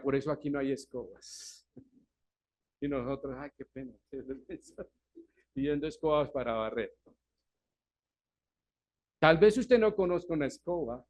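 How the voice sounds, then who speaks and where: A male pastor preaching a Sunday sermon, asking the congregation questions and answering them himself, swinging from loud emphasis to quiet asides. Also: a little high. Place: church service.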